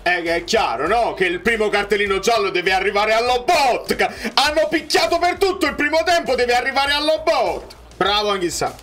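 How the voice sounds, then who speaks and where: A young man reacting live to a football match, cheering players and shouting at missed chances. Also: high voice, normal speed, hardly any pauses. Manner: excitable, swings from muttering to shouting at plays.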